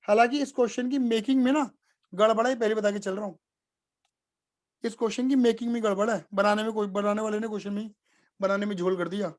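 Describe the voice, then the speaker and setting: Male tutor, relaxed classroom explainer, checks in with students constantly. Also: high-pitched, fast. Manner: casual, repeats points, asks students if clear. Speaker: accounts teacher. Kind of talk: live online class explanation.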